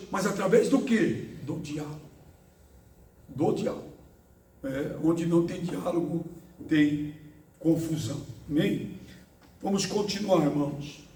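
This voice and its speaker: A man, a pastor teaching a church Bible lesson, who talks slowly with many fillers and asks his listeners rhetorical questions. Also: high-pitched, a little mellow. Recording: echoey room, voice from far off.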